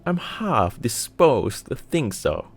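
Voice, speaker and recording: A man's voice: medium pitch, big pitch swings, slow, pitched above the performer's own voice, heavily acted. A man playing a teasing, jovial old uncle in whispered role-play, with a wry manner. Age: older.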